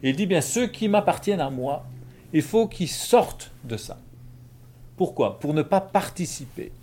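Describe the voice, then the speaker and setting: A man from Belgium with a Belgian French accent, explaining Bible principles in a measured, conversational way with everyday examples. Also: on the high side, animated, mellow. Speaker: Bible discussion speaker.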